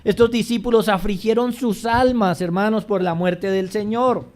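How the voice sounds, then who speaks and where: A male pastor preaching a sermon, addressing the congregation as brothers, swinging between hushed low passages and raised emphatic lines. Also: fairly even intonation, moderate pace.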